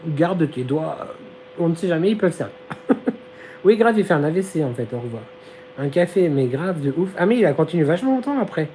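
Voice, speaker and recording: Losing his voice, a live-stream host reads chat and jokes around with viewers, giggly and full of slang. His slightly high, mellow voice is very animated and brisk. He's recorded roughly on a phone, with slight background noise and a fan humming behind it.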